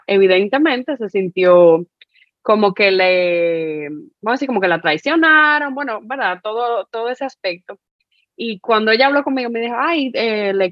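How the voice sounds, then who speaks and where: A woman's voice: medium pitch, no echo. Female co-host, reflective and rambling, dry close lo-fi sound. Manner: thoughtful, many fillers and restarts. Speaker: podcast co-host. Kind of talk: reflective conversational sharing.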